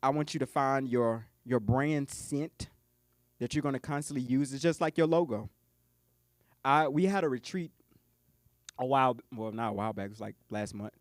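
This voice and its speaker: A man's voice: mid-range voice, normal speed, dry recording, studio quality. A man who coaches businesses, giving a live keynote talk at a conference lunch. He jokes and talks straight to the audience.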